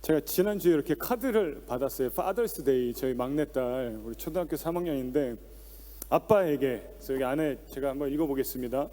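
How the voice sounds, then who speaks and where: A man in his forties preaching a Sunday sermon as pastor, animated and acting out pleading voices with rhetorical questions. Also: medium pitch, a little fast. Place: church sanctuary. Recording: long hall reverb.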